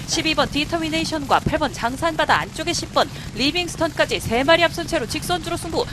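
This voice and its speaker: A woman calling a horse race, rattling off numbers and names in quick play-by-play. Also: sits high, lively intonation, background noise. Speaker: race caller.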